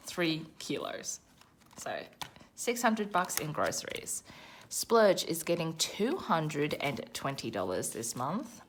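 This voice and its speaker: An Australian woman in her thirties talks through her budget in a casual, self-deprecating way. Her voice sits low but swings widely in pitch. She counts her money aloud as she goes. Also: a little hiss or hum. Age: 30s. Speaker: budgeting vlogger. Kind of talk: casual chatty vlog narration.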